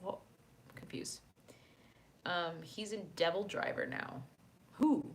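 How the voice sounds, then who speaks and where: A woman with a lowish voice chats loosely with her live-stream viewers, reading their messages aloud and answering as she goes. She laughs easily and fills her pauses with ums and uhs, talking close into a desk microphone. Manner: chatty, laughs often, many fillers. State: hiccuping. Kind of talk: casual live-stream chat.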